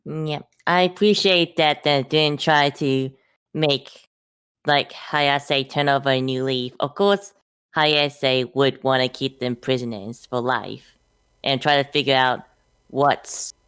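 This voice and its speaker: Low, smooth-voiced easygoing woman. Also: fairly even intonation, takes it slowly, a bit bright. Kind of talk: casual anime review chat.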